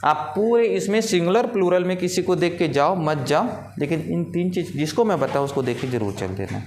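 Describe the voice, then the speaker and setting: A man's voice: fairly high pitch, expressive, brisk, darkish tone. A man teaches English grammar like a classroom teacher. He keeps asking questions and then gives the answers himself, over a faint hiss of background noise. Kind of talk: classroom-style grammar lesson.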